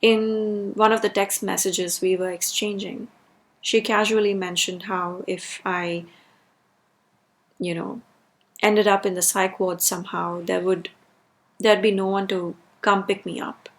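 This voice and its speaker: A woman speaks in an ordinary mid-range pitch with a strongly creaky, fried edge. She delivers a personal rant as a video creator. Her phrasing is emphatic, with key words repeated for stress. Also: flat delivery, a little slow.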